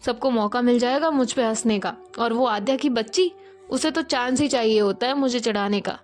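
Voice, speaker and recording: An impulsive young woman student who trips over her words when flustered, as a woman narrator voices her. Her voice sits fairly high, with faint music behind. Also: moderate pace, natural voice. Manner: flustered, stammering.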